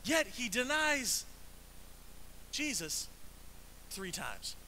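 Animated, bright-voiced male preacher. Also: very slow, slight background noise, poor audio. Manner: animated, conversational preaching with casual slang; acts out quoted voices with big pitch jumps. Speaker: pastor. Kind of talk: sermon.

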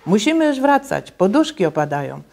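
A woman's voice: medium pitch, very animated, brisk, vocal fry, darkish tone, a little hiss or hum. A woman voicing a father who grumbles at magic and then exclaims cheerfully, in a children's story read aloud. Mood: exclaiming. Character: grumbling father, wary of magic but giving in.

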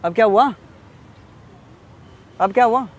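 A man's voice: high voice, slow pace, very noisy. A man hosting a prank video, bantering teasingly in casual talk and repeating himself, recorded outdoors in a public place.

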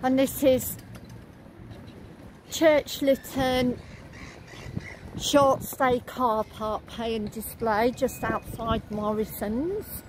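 A woman, chatting slowly as she points out shops on a walking tour, recorded outdoors on a camera mic. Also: on the high side, poor audio. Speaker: vlogger. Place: outdoors on town streets. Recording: loud wind and traffic noise.

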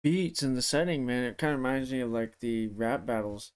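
A man's voice: medium pitch, fairly quick, clear, resonant tone. A young man giving casual, slangy, profane reaction commentary, his speech affected by a swollen face and sore tooth. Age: young adult. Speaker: music reaction host. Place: living room at home.

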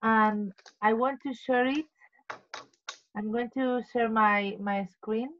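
Woman reading definitions on a video call, careful non-native english, slow, dull audio. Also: fairly high pitch, steady tone. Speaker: meeting member presenting word of the day.

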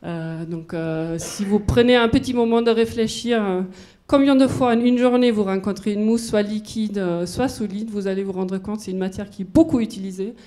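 German-accented woman in her forties presenting research at a lecture hall mic; mellow, relaxed timbre, mid pitch. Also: normal speed. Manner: moves about while speaking, explains with everyday examples. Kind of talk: conference talk to an audience. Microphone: handheld microphone.

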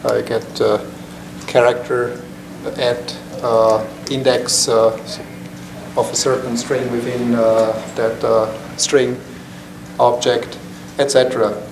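Middle-aged man from Switzerland presenting to a meetup; halting, filler-heavy delivery, caught by a distant camera mic in an echoey, noisy room. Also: mid-range voice, little pitch movement, gravelly. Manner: halting, many fillers and restarts. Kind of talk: technical talk to a small group. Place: conference room, standing by a projector screen. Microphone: far camera.

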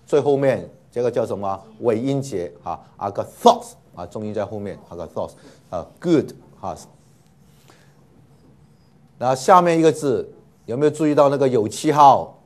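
A man teaching a classroom lesson, speaking in with mixed in. He talks patiently, fills pauses with drawn-out "ah" sounds, and repeats each word for his students. His voice sits at an ordinary pitch. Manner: patient, many filler 'ah' sounds, repeats words for students. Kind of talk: classroom lecture.

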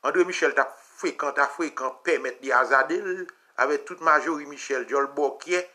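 A man with a Haitian accent giving an impassioned political talk, repeating phrases and sometimes shouting. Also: a little high, moderate pace. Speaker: commentator.

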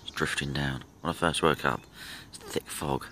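A middle-aged man filming his own fishing trip, chatting casually and thinking aloud with pauses from behind a handheld camera by a lake. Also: very deep voice, fairly even intonation, pushed and bright, a little hiss or hum. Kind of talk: casual self-filmed commentary. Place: outdoors by a lake. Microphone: handheld camera from behind the lens. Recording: outdoor ambience with nature sounds.

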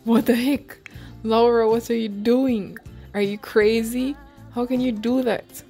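A woman's voice: a little high, normal speed, a little mellow, faint music behind, natural voice. A woman voicing a jealous, exasperated male mafia boss in a life-simulation game playthrough, with indignant, pleading lines.

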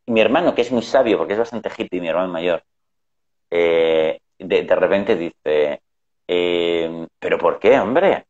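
A man's voice: low-pitched, measured pace, a little mellow. A middle-aged man telling family anecdotes in casual conversation, acting out the voices he quotes. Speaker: guest. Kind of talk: conversational storytelling. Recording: dull lo-fi sound.

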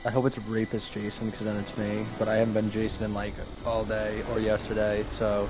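A man's voice: lowish voice, monotone, fairly quick, low-quality recording. A man in casual chat with friends while playing an online game, teasing and crude, with game music behind him.

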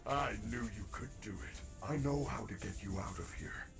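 An actor voicing a gentle, kindly male robot mascot bear in a video game, speaking softly, politely and encouragingly with a gravelly, breathy voice. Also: lowish voice, animated, normal speed. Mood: gentle, caring. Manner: soft, caring, polite and encouraging. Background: game music.

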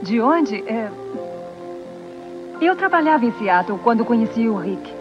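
Candid young woman, lively pitch, soft film sound. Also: a little slow, lo-fi sound, music in the background. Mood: gentle. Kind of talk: Brazilian Portuguese film dubbing.

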